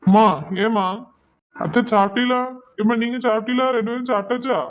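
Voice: mid-range voice, fairly even intonation, close to an everyday voice. A performer voicing a defensive young husband in a cartoon family drama. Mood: concerned. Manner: quick, defensive, dismissive.

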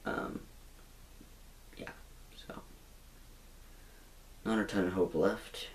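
In a whisper, a young man with a low-pitched voice draws out his words as a glum young jailbird in a mockumentary comedy. He rambles with hesitant restarts and sounds resigned, filmed by a camera in a small bedroom.

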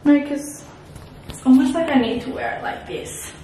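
A woman's voice: high-pitched, normal speed, gravelly, mellow, roomy sound, a little hiss or hum, poor audio. A young woman, telling stories in a chatty, giggly vlog style with lots of "like". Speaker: vlogger. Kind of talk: casual vlog chat.

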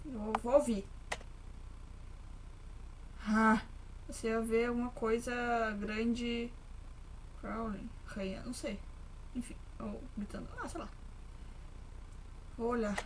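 A woman's voice: fairly high pitch, steady tone, takes it slowly, pauses often, slight background noise. A woman giving nervous let's-play commentary on a horror game, shrieking when startled. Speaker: gaming video host. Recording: game music behind the voice.

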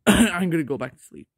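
A man voicing a sick, weary plumber in a plush toy skit, talking quietly and tiredly with a sore throat. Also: creaky, noisy background, exaggerated voice. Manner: low, tired, quiet delivery with sighs.

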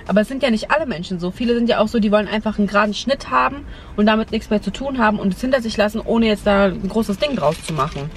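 A woman's voice: medium pitch, lively intonation, quick pace. Young woman chatting in a noisy car. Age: young adult. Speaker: vlog host. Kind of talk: casual advice chat. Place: inside a parked car. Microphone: camera on the dashboard. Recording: noisy car interior, outdoor ambience.

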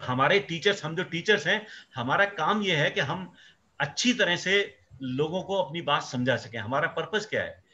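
A man's voice: on the high side, animated, moderate pace, pushed and bright. A male microbiology professor explaining at length in an interview, emphatic and mixing in English phrases. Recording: dull lo-fi sound.

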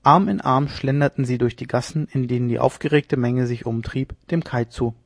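A man narrating a classic novella as an audiobook in a measured, steady storytelling manner. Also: mid-range voice, gravelly, no room sound, studio quality.

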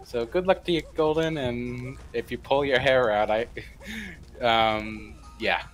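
A man's voice: medium pitch, unhurried. A man chatting casually as a co-commentator during a video game stream. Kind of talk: casual chat. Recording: game music behind. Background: video game music.

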